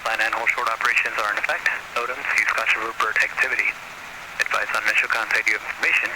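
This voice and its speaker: A man's voice on an airport weather broadcast over aircraft radio, reading weather and runway information in a steady, clipped, formal way. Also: fairly low pitch, quick pace. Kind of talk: flat recorded weather and runway readout. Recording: radio broadcast under loud engine and static noise.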